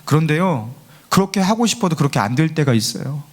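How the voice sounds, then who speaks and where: A man's voice: a little high, animated, quick pace. Earnest pastor preaching, man. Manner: earnest, pleading, rising to fervent emphasis; acts out mocking voices of scoffers. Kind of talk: sermon. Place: church sanctuary.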